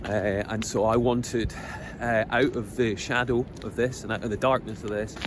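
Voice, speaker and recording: A man's voice: fairly low pitch, fairly even intonation. Earnest Scottish man outdoors, traffic behind. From Scotland. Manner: hesitant, many pauses and ums, earnest. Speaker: vlogger. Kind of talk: reflective personal monologue. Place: outdoors on a coast. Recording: outdoor recording with background noise. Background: outdoor noise, passing vehicles.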